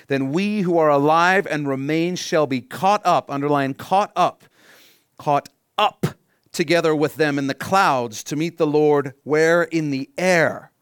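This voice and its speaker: A pastor preaching an emphatic sermon, his voice sitting a little high for a man. He reads scripture and stops to question the congregation, climbing loud on key phrases, then dropping low and quiet. The sound is dry and close, with little room around it. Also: clear, resonant tone, dry recording.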